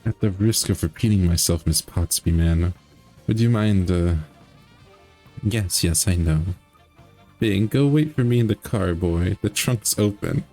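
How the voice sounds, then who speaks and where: A man's voice: deep voice, unhurried, dark tone, faint music behind. A man reading aloud as a haughty older woman suspect in a mystery game, in a pompous, genteel, condescending manner.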